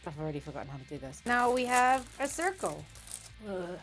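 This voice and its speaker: A woman's voice: lowish voice, sing-song, a little fast, a bit bright, soft background music. A tipsy, giggly, rambling woman chatting casually as host of a comic baking vlog, sweary, self-mocking and playfully crude. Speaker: host of a comedic baking video.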